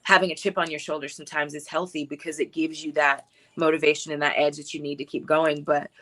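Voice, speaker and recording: A woman in her thirties sits as the guest on a talk show and tells her life story in a casual, reflective way. Her voice is bright, and she drops in fillers and laughs easily. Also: sits low, flat delivery, fast talker. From born in Hawaii, grew up in Texas. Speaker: filmmaker guest.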